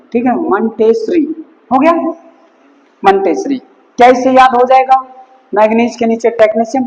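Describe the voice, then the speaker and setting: A man teaches chemistry at a very slow pace, repeating each key word several times and mixing terms into his sentences. His voice sits unusually high for a man, and a long reverb hangs after his words, as in a bare, echoing hall. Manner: mixes Hindi with English terms. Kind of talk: classroom lesson.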